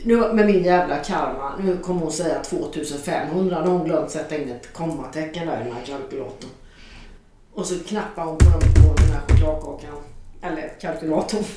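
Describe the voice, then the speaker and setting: A middle-aged woman telling a story aloud in a frank, lively way, swearing casually and acting out the dialogue. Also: low voice, over music. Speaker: author telling an anecdote. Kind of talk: spoken storytelling to an audience. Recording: very echoey, from a distance.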